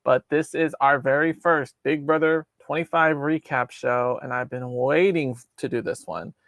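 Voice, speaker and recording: A man's voice: a little high, fairly even intonation, fairly bright tone, no echo. Chatty young man hosting a live recap. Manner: chatty, quick restarts and fillers. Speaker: host of a fan recap live stream. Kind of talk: casual live-stream recap.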